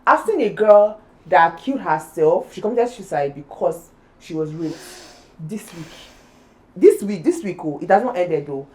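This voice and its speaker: A woman's voice: fairly low pitch, animated, unhurried, a little mellow, rough recording. A young woman from Nigeria co-hosting a casual podcast chat, talking with heated emphasis. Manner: impassioned, emphatic. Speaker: podcast co-host.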